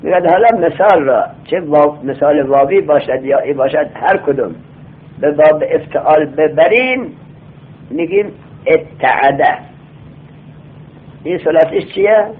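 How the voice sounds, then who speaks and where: A male teacher giving a classroom lecture. He reads lines of a text aloud slowly, then explains them and quizzes his students. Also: on the high side, vocal fry. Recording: tinny lo-fi phone-like sound.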